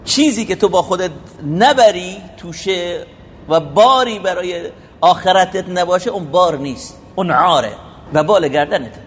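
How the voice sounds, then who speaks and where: Male preacher-teacher, slightly higher voice, questioning style, faint background hum. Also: fairly bright tone. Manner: rhetorical questions, recites Arabic quotes. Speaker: religious teacher. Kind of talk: sermon-like lesson explaining a poem.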